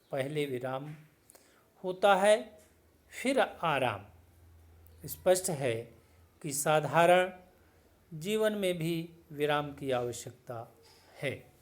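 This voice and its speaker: A middle-aged male teacher from India walks through a grammar lesson. His voice sits slightly high for a man, and he speaks very slowly and deliberately. He breaks every sentence into short, measured phrases.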